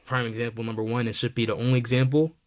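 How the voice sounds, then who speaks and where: A man's voice: mid-range voice, flat delivery, fast talker. A man hosting a casual sports podcast, talking loosely with lots of fillers and restarts. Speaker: podcast host.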